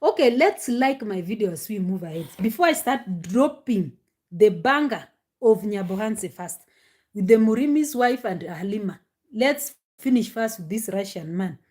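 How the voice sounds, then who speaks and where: A woman, talking casually to her viewers, animated, with many fillers and rhetorical questions. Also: mid-range voice, moderate pace. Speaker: commentary host. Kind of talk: casual live commentary to viewers.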